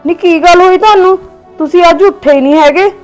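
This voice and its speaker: Very high, young Punjabi woman, younger daughter-in-law role, pushy and curt. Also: fast talker, a little mellow, soft background music, low-quality recording. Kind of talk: scripted family drama acting.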